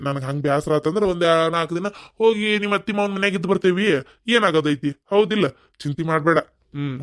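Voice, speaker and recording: A man's voice: a little high, smooth, dry recording, clean studio sound, natural voice. A man voicing a reassuring older cartoon father-in-law with a North Karnataka Kannada accent.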